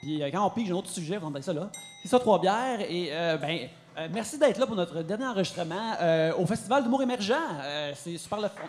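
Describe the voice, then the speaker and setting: Man, high-pitched, hesitant friendly podcast co-host. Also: animated, brisk, faint music behind. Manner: hesitant, many fillers, friendly. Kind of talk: casual chat on a live podcast.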